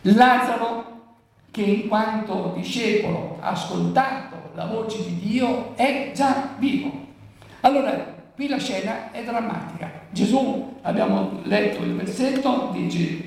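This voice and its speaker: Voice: mid-range voice, a little slow, creaky, a little mellow. A preacher giving a Bible commentary talk who poses rhetorical questions and then answers them. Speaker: preacher explaining the Gospel. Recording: very echoey room, voice from far off.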